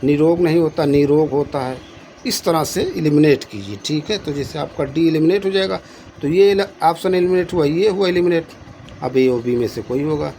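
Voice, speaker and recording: A man's voice: on the high side, moderate pace, warm tone, slight background noise, rough recording. Man tutoring through exam questions. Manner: reads options aloud, repeats answers, coaxing "है ना". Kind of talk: solving exam questions aloud.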